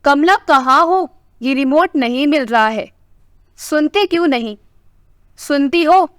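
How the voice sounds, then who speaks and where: A woman's voice: high-pitched, measured pace, smooth, no room sound, studio quality. A woman voicing a playful husband in his sixties who teases and coaxes his wife in a family story. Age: 60s. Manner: teasing, coaxing.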